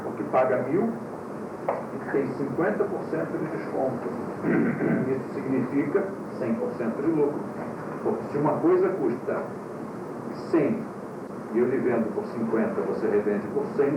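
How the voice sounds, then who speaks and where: A man's voice: medium pitch, expressive, normal speed, lo-fi sound. Man lecturing on a hissy old VHS tape. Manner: playful, asks the class rhetorical questions. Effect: old VHS tape recording. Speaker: yoga teacher giving a lecture. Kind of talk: classroom lecture to school directors. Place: lecture room with an audience. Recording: noisy old VHS tape, echoey room, speaker far from the mic.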